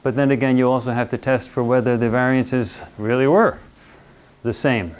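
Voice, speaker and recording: A man's voice: medium pitch, steady tone, normal speed, a little mellow. Chatty man lecturing a university class. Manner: conversational, checks in with students often; playful, acts out little quoted voices.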